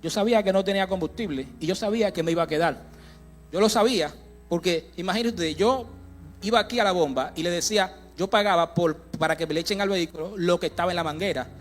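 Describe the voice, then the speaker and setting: Man, young adult, high-pitched, sermon testimony, conversational, many restarts, faint music behind. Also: quick pace. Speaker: preacher. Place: church sanctuary.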